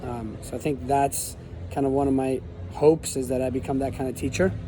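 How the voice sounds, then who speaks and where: A man from Argentina introducing himself as an aspiring teacher, talking earnestly with many pauses and fillers. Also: medium pitch, fairly even intonation, background noise. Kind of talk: casual self-introduction.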